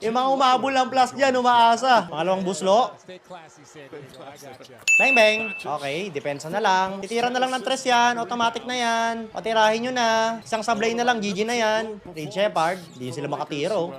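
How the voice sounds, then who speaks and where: A man giving excitable live watch-along commentary on a basketball game, bursting into shouts and swearing casually. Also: sits high, normal speed, crowd noise. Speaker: basketball fan streamer.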